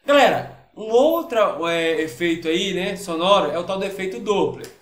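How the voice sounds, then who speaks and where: A man's voice: high voice, moderate pace, echoey room. A man with a Brazilian Portuguese accent, a physics teacher talking casually through worksheet exercises in an online lesson and often checking in with his students.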